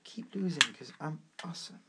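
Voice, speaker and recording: A man's voice: fairly high pitch, very noisy. Teasing man co-hosting a podcast. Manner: teasing, quick-witted banter. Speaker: podcast co-host. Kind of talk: casual chat.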